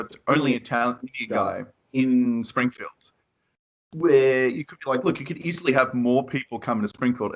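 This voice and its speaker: A man's voice: mid-range voice, fairly bright tone, dull audio. Rambling man, casual podcast talk. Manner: rambling, hesitant, many "like"s. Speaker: podcast co-host. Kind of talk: casual panel chat.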